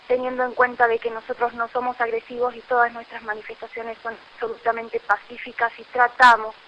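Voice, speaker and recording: A woman's voice: a little high, dull audio, a little hiss or hum. A woman from La Rioja, Argentina, with an Argentine accent, recounting events urgently as an activist in a radio interview. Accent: Argentine Spanish. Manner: urgent, indignant testimony with many fillers. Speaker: community activist.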